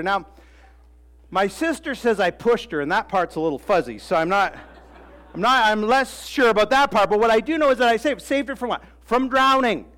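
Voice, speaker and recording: A man preaching a sermon as pastor, telling stories with lively acted quotes and repeating key phrases for emphasis. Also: high voice.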